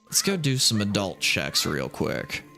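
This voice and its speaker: A man streaming live, chatting casually with viewers in an excitable, filler-heavy way. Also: on the low side, measured pace, vocal fry.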